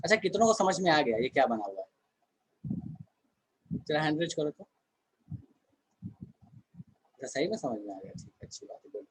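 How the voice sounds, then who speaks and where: A man's voice: on the high side, sing-song, a little fast, slightly rough, poor audio. A man teaching a chemistry class online in a conversational way, often asking the students questions and answering them himself.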